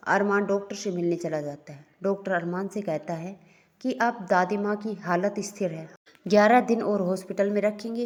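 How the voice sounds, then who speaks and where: A woman storyteller reads a romantic tale aloud in a calm, steady voice. Her pitch sits in an ordinary middle range for a woman, and her delivery is even and unhurried.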